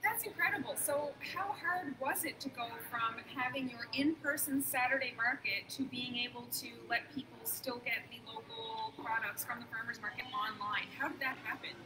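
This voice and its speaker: High-voiced young woman hosting. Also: normal speed, hardly any pauses. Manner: upbeat, conversational. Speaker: host. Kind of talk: live interview and sponsor plug. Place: large indoor market hall. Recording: noisy market hall.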